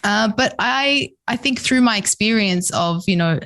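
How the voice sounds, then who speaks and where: A woman's voice: medium pitch, expressive, unhurried, fairly bright tone. A woman in her forties, a guest entrepreneur speaking candidly and reflectively in a casual interview, laughing now and then. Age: 40s.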